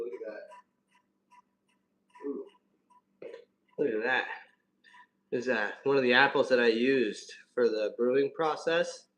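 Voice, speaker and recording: A man's voice: medium pitch, fairly bright tone. A man chatting casually on a livestream in laid-back bro slang as he demonstrates his home brewing. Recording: roomy echo, distant mic, faint noise.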